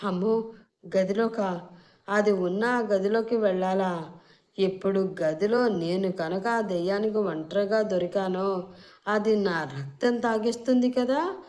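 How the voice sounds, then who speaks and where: A woman's voice: medium pitch, measured pace, a little mellow, natural voice. A woman voicing a flustered young husband who talks in panicky, whiny exclamations. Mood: scared.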